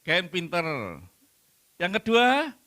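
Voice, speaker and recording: Male pastor, bright voice, lively swings in pitch, keeps asking the congregation questions. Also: slow pace. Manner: animated, conversational, questions the congregation. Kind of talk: sermon.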